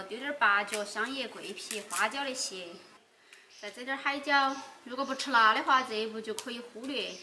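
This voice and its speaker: High-voiced young woman speaking Sichuan dialect. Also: noisy background. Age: young adult. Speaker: cooking vlog host. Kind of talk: casual cooking demonstration and chat. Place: open-air village kitchen.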